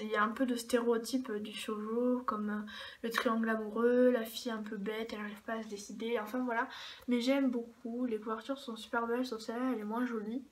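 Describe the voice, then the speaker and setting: Young woman vlogging at home, bit high-pitched, lots of ums, faint noise under it. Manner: chatty, hesitant, many fillers. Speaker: book vlogger. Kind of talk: casual chat.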